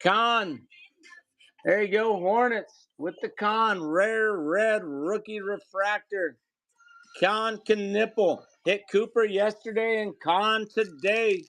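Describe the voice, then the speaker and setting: A man's voice: high-pitched, slow, a bit bright, no echo. A man hosting a live card break, reading off player names and calling out the hits to viewers.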